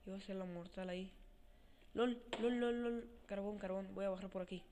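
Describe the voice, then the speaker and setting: A man talks his way through a video game, jumpy and quick to curse, muttering to himself between outbursts. He is recorded at home on a cheap desk mic with no stand, so his voice sits a little low in the mix. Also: slight background noise. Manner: excitable, swears often, talks to himself while playing. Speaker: gaming channel host. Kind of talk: let's play gameplay commentary. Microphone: cheap desk mic without a stand, voice comes out quiet.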